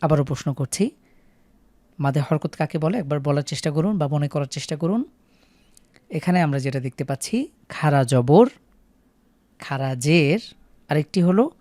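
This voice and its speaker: A man's voice: a little high, expressive, normal speed, pauses often, dark tone, dry recording. A man with a Bangladeshi Bengali accent teaching a Quran recitation class, patiently repeating questions and drilling syllables.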